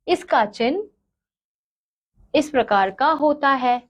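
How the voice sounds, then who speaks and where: A woman's voice: high-pitched, lively intonation. A woman teaching a grammar lesson, asking questions and answering them herself. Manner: slow, asks and answers her own questions.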